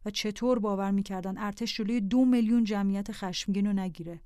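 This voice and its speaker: Calm woman reading a diary aloud. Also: mid-range voice, smooth, no room sound, clean studio sound. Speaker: narrator. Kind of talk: scripted memoir narration.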